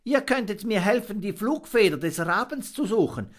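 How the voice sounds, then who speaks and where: A man voicing a brave, cheeky little male monkey in a storybook reading, in a high childlike voice. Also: animated, normal speed. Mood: earnest. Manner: taunting, then earnest and pleading.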